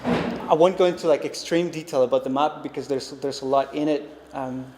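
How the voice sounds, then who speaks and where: This visiting artist, a man in his thirties from Costa Rica whose first language is Spanish, speaks a little fast in a slightly high, somewhat mellow voice. He delivers his talk thoughtfully and haltingly, with frequent ums and false starts. The gallery space echoes with long reverb, and there's a faint background noise.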